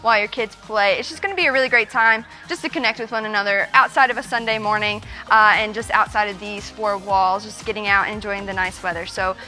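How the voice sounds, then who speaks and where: Bright friendly woman announcer. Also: mid-range voice, fairly even intonation, fast, few pauses, faint music behind. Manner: friendly, explanatory. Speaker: church host.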